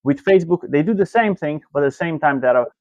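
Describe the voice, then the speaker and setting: A man's voice: a little high, animated, fast talker, darkish tone, dry recording. Man, dry, muffled call audio. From Slovakia. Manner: loose, filler-heavy phrasing. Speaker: guest, marketing coach. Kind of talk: interview answers.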